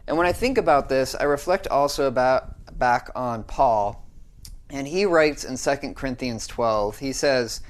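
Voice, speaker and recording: A young man from the United States gives a brief devotional talk at a measured pace in a mid-range voice. He speaks earnestly and conversationally, frequently checking in with "right?"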